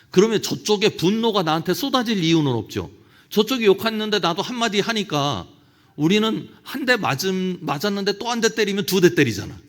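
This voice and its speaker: Lively-voiced man preaching a seminar talk. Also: high voice. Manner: storytelling, with quoted prayers acted out. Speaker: pastor. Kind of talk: lecture-style sermon at a church officers' seminar.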